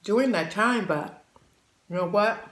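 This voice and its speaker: A woman's voice: medium pitch, measured pace, a bit bright, reverberant. A woman in her sixties hosting her channel, chatting while she eats and giving folksy, motherly advice to viewers she calls babies. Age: 60s. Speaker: channel host. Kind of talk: casual chat while eating.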